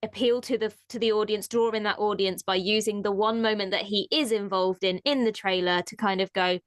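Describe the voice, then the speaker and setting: A woman co-hosting a casual fan chat show, chatty and quick to laugh, with hedging fillers. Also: mid-range voice, steady tone, no echo. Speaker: podcast co-host.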